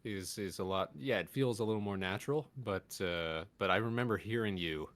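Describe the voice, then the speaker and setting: A man's voice: fairly low pitch, fairly quick, a bit bright. A man, a player in a tabletop game, explaining something hesitantly with many fillers. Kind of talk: casual chat.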